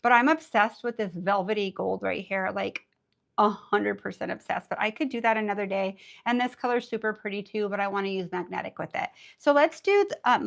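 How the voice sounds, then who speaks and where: A woman with a raspy voice, under the weather, teaching nail art in a bubbly, chatty live tutorial. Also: fairly high pitch. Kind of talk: casual live tutorial chat.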